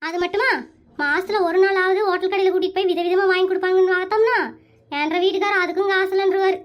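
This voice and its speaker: A woman's voice: extremely high pitch, fairly even intonation, fast. A woman voicing a put-upon middle-aged village housewife with a Kongu Tamil accent, complaining in a comic cartoon. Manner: plaintive, complaining.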